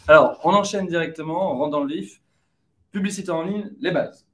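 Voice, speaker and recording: A man's voice: on the high side, brisk, a bit bright, a little hiss or hum. A man hosting a live webinar, upbeat and joking as he puts questions to the experts. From France. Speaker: webinar host.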